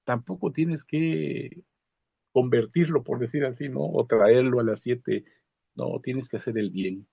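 Gravelly man, halting reflection. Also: mid-range voice, warm tone, no echo, muffled recording. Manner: halting, with many fillers and restarts. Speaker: study group member giving a comment. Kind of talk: casual religious reflection.

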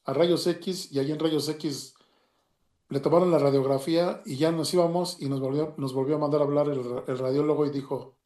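Halting Mexican man in a roomy echo. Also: fairly high pitch, steady tone, dark tone. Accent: Mexican Spanish. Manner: halting, with many restarts and reenacted dialogue. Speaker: storyteller giving a personal testimony. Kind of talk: emotional personal story, casual.

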